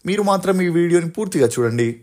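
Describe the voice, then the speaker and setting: A man's voice: high-pitched, lively intonation, very fast, a little mellow. A man narrating a scripted true-story video, opening with dramatic questions to hook the viewer.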